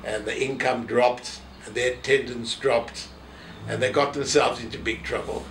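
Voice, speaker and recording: An elderly South African man whose family came from Poland reminisces in an oral history interview, telling anecdotes and acting out what people said; he once held office at a synagogue. His mid-pitched voice is fairly bright, with fairly even intonation and a moderate pace. He sounds a bit distant in an echoey room, with faint background noise.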